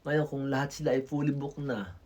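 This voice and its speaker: Husky man from the Philippines, blunt and lecturing, casual vlog advice. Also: mid-range voice, fairly quick, darkish tone. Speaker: Filipino worker in Macau giving travel advice.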